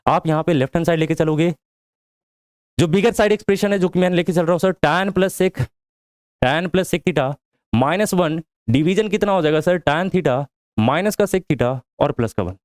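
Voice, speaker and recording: A maths teacher from India explaining a proof step by step, asking the class questions and answering them himself. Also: male voice, on the high side, normal speed, a little mellow, clear, resonant tone, no echo. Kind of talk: whiteboard lesson.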